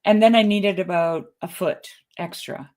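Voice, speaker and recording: A woman's voice: fairly low pitch, fairly even intonation, normal speed, darkish tone. A woman, co-hosting a podcast and telling a rambling personal story in casual chat, restarting often. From Canada. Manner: chatty storyteller with frequent restarts and laughs. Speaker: podcast co-host.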